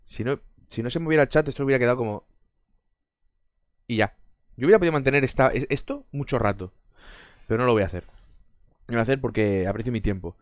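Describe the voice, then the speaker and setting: A man's voice: medium pitch, fast talker, long pauses, no room sound, clean studio sound. A man from Spain chatting casually on a live stream, answering chat with sarcastic jokes, frequent swearing and bursts of laughter.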